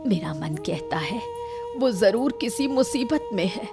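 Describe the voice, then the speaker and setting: A woman's voice: mid-range voice, very animated, unhurried, gravelly, music in the background. A woman voicing a worried, pleading elderly mother in a cartoon story. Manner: pleading, tearful. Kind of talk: cartoon voice acting.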